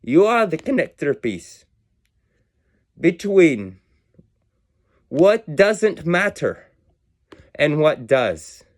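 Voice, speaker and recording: A man's voice: a little high, big pitch swings, very slow, long pauses. A man giving a rambling, philosophical monologue about numbers, meandering and self-mocking, his accent drifting in and out. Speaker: video creator musing on numbers and words.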